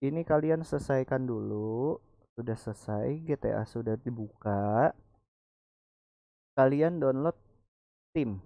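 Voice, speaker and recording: A man's voice: medium pitch, unhurried, pauses often, warm tone, dry recording. A man with a colloquial Jakarta Indonesian accent who can't roll his r's, chatting casually through a screen-recorded tutorial. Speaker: tutorial presenter. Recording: dull, lo-fi microphone.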